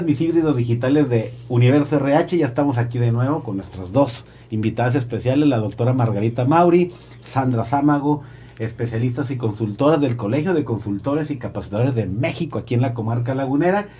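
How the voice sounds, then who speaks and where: A man's voice: medium pitch, animated, brisk, mellow, slightly rough. A man hosting a casual podcast interview, talking in a playful, slangy way and enjoying stirring up debate. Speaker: podcast host.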